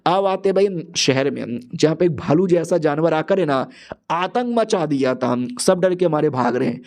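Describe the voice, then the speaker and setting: A man narrating a comic manhua story recap. He talks in slangy, joking asides. His voice is high-pitched with a mellow, soft tone. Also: animated, normal speed, creaky.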